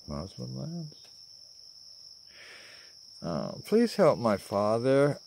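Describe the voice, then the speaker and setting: A dreamy young hippie woman traveler murmurs earnest prayers, as an older man puts her on in a low voice. Her talk is slow and swoops up and down, with faint outdoor insects behind. It is a homemade storytelling video. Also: creaky, a little hiss or hum, heavily acted. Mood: prayerful. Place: outdoors in a garden.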